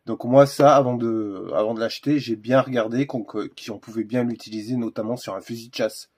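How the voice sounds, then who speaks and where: A man's voice: medium pitch, steady tone, a little fast, darkish tone, breathy edge. A man hosting a casual unboxing video, talking hesitantly with lots of fillers and restarts. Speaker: gun accessory reviewer.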